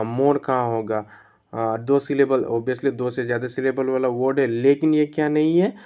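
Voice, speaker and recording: A man's voice: medium pitch, smooth. Man explaining grammar. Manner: explains step by step, repeats rules, many "uh" pauses. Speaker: English grammar teacher. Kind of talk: classroom-style lesson explanation. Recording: slightly dull lo-fi recording.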